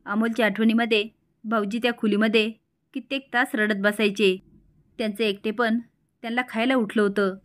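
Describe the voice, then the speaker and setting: A woman voicing a scheming, sharp-tongued woman who speaks defiantly and justifies herself, in a serial recap. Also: on the high side, level tone, moderate pace, lightly acted.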